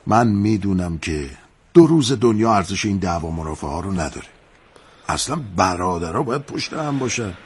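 A man's voice: sits low, expressive, husky. An actor playing a sentimental middle-aged innkeeper who lectures two feuding brothers with fatherly sayings, in a TV drama. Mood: soothing. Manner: fatherly, moralizing, quotes sayings. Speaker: guesthouse host mediating between feuding brothers. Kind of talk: television drama acting.

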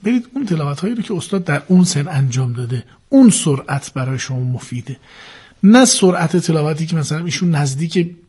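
A man's voice: on the high side, a little mellow, slightly rough. A man hosting a radio program, earnestly advising listeners in an instructive talk. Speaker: radio host.

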